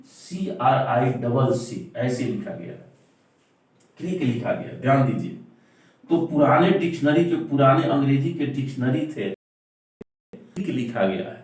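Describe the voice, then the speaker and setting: A man teaching a lesson, repeating key points and asking and answering his own questions, heard from a distance in a very echoey room. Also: medium pitch. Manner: stresses words by repeating them slowly. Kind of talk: classroom-style explanation.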